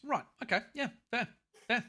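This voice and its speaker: A man with an Australian accent hosting a casual gaming podcast over a call, animated and swearing casually. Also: extremely high pitch, moderate pace. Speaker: podcast host.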